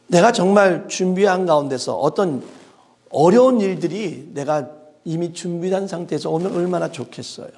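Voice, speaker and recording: Middle-aged guy preaching, dramatic, goes loud then quiet, lots of questions to the congregation, kinda raspy. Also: a little high. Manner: dramatic, swinging between loud emphasis and hushed asides; asks the congregation rhetorical questions. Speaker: pastor. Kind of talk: sermon.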